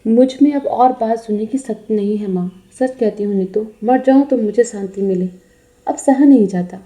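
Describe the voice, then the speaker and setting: A woman's voice: on the high side, moderate pace, mellow, close to an everyday voice. A woman voicing a weary young wife in a told story, stern and exasperated with a boy in her care. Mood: despairing. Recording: roomy, dull lo-fi recording.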